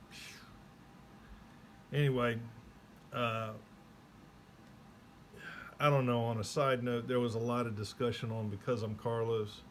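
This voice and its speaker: A man's voice: medium pitch, a little hiss or hum. A man giving a rambling, casual spoken recap, slipping into quoted voices as he tells it. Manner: rambling, acts out quoted people. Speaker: vlogger.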